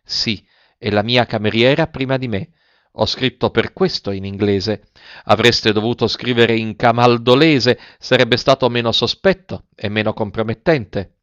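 A man's voice: medium pitch, measured pace, a bit bright, no room sound, lightly acted. A man reading the part of a haughty noblewoman full of sarcastic scorn, clipped and cutting in her replies. The sound is a little dull and muffled, dry with no room around it. It is an audiobook reading. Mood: bitter, ironic. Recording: slightly dull, dry close recording.

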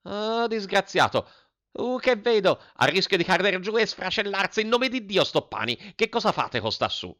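A man's voice: high voice, sing-song, moderate pace, pushed and bright, voice pushed up, heavily acted. A man voicing a pompous older headmistress who declaims dramatically. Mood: dramatic. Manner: declaiming, imperious.

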